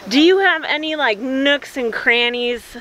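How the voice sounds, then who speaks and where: A woman in her thirties, a travel vlogger, talking excitedly outdoors and interviewing a guest, bubbly and quick to laugh. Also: sits high. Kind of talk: enthusiastic travel vlog and interview. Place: outdoors on a sailing ship's deck and inn garden.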